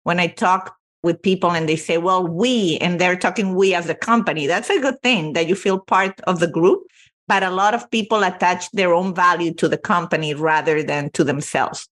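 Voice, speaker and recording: Woman ceo from venezuela, lowish voice, earnest podcast guest talking business. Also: moderate pace, a bit bright. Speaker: telecom company CEO, guest. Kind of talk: podcast interview.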